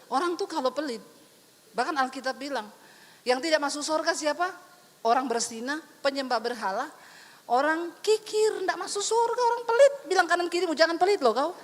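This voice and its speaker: A middle-aged woman pastor, preaching an animated, teasing sermon. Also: very high voice. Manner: animated, teasing preaching with rising emphatic lines. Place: church hall. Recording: hall reverb from a church.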